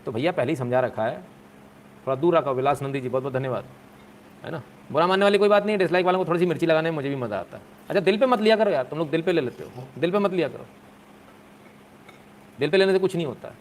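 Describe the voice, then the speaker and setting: A man's voice: fairly high pitch, fast, slight background noise. Chatty, joking man on a live stream. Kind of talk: casual live stream chat.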